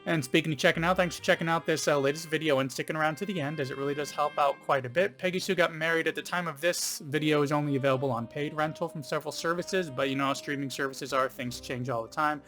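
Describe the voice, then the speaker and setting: A man's voice: a little high, steady tone, fast talker, few pauses, a bit bright, faint music behind. A man hosting a casual film review video, rambling a little with frequent ums and you-knows. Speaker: film reviewer, channel host.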